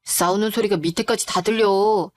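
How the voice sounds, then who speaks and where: A woman's voice: medium pitch, fairly even intonation, moderate pace, darkish tone, no echo, close to an everyday voice. An indignant young husband who takes his mother's side, as a woman storyteller puts him on. The delivery is reproachful, the sound dry and close, with faint music behind. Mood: accusing. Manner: accusing, reproachful.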